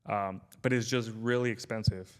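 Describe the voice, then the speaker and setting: A man's voice: fairly low pitch, fairly even intonation, normal speed, clean tone. A man in his thirties from Southern California, a podcast guest telling stories in a laid-back, rambling way and calling people "dude" and "man". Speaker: podcast guest, brand founder. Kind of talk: casual podcast chat.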